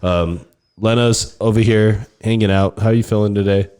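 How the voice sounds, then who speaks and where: A man with an American accent and a low voice hosts a casual podcast. He banters loosely with his co-hosts and swears freely as he moves things along. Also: fairly even intonation, moderate pace, darkish tone, clear, resonant tone. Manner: profane, bantering. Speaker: podcast host.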